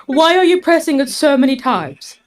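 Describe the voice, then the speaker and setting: A woman takes part as a player in a tabletop game and teases the others, her pitch rising and falling in a lively, animated way. Faint background noise and small clicks sit under her voice. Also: moderate pace. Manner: teasing. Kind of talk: casual tabletop role-play.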